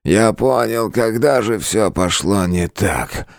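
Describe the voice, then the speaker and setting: A crippled demon king, as a narrator puts him on, a broken and hateful creature who drags out his words in a slow, bitter hiss. His voice sits very low and dark, then cracks into frantic, straining cries. It is recorded dry and close, with no room around it. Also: lively intonation, gravelly, no room sound, heavily acted. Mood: bitter, hollow. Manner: slow, bitter hissing, swinging between hollow mutters and raving cries. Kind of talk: audiobook character voice.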